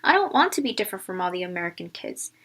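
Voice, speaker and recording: A woman's voice: lowish voice, sing-song, rapid-fire, a bit bright, pitched below the performer's own voice. Woman as shy, hesitant new schoolgirl. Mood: hesitant, nervous. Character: shy, embarrassed young Korean girl new at school.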